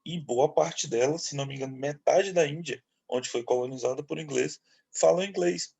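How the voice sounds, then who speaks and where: A man from Brazil teaching an English lesson to eighth graders, explaining slowly and often checking in with his students. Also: on the high side, creaky, mellow, breathy edge. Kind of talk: online class lecture.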